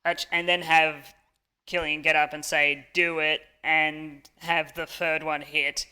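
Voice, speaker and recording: Bright smooth-voiced man chatting. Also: a little high, level tone, slow. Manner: eager, stumbles on word starts. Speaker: podcast co-host. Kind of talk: casual chat about wrestling.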